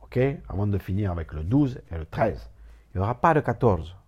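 A man's voice: fairly low pitch, big pitch swings, a little fast, a little mellow, slightly rough, lo-fi sound. Rambling man giving a mock lecture. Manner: rambling, repeats words, stumbles playfully over words.

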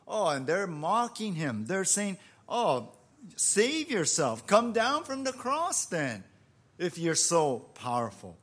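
A man preaching a sermon as pastor, animated and conversational, often checking in with the congregation and acting out the voices in the story. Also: mid-range voice. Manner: animated, acts out quoted voices, frequent "right?".

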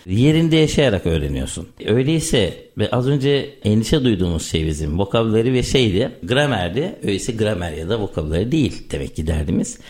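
A man's voice: lowish voice, a little fast, few pauses. A man explaining things in casual conversation, telling stories and giving examples. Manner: animated storytelling with examples. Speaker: conversation leader on language learning.

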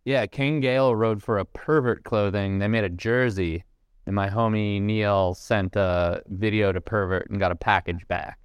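A man with a low, smooth voice jumps into a podcast chat with eager stories. His tone is resonant and the recording dry and close. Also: fairly even intonation, moderate pace, no echo. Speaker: podcast co-host.

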